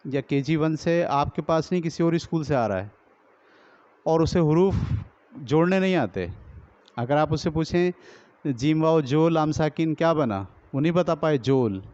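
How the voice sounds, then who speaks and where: A man training teachers, explaining step by step, asking and answering his own questions and sounding out drill words slowly, with a Pakistani Urdu accent. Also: fairly high pitch, darkish tone, no echo. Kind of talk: lecture on teaching reading. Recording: dull lo-fi recording.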